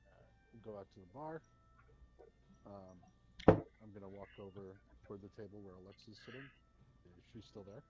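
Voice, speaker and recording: A man playing a tabletop role-playing game, talking haltingly with lots of fillers and restarts. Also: fairly low pitch, heavy background noise. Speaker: player.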